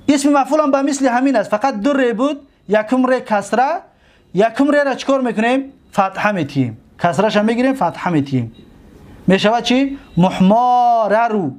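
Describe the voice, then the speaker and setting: A man with a Tajik accent teaching a class, repeating terms and quizzing students with quick questions. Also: extremely high pitch, lively intonation, darkish tone. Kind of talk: classroom lecture.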